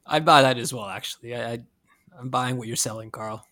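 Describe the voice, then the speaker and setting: A man's voice: mid-range voice, fairly quick, bright, forceful tone. Easygoing man in football chat. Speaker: football podcast panelist. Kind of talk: casual sports chat.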